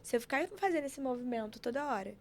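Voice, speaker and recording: Fast-talking high-voiced woman. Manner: animated, preachy storytelling with acted quotes. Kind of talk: casual chat.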